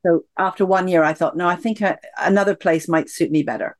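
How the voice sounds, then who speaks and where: A woman's voice: fairly low pitch, fairly quick. A woman with a Scottish accent, an executive coach and guest, telling her story in an upbeat, enthusiastic way. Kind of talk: conversational interview.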